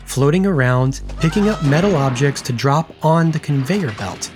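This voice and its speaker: A podcast co-host in their thirties, reading a scripted film recap with wry, dramatic flair and breaking into casual chat between passages. The voice sits at a middling pitch. A little music runs softly underneath. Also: moderate pace. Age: 30s.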